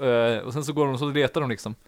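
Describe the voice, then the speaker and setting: A man's voice: mid-range voice, fairly even intonation. Rambling young man telling a story. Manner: rambling, filler-heavy, laughs at own story. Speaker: podcast host. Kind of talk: casual anecdote telling.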